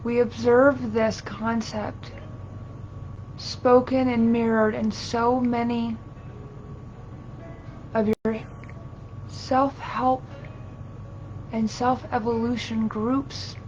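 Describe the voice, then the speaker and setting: Woman doing seance medium channeling, solemn and formal, very flat delivery, halting old-fashioned phrasing, some low rumbly noise behind. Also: lo-fi sound. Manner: formal, archaic phrasing in halting, deliberate phrases, speaking as a collective "we". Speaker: trance channeler.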